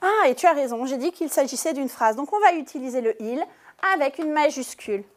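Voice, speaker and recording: Speaking to young pupils in a primary school classroom, this teacher uses a high voice with lively intonation. Her delivery is slow and clear, with each syllable stressed.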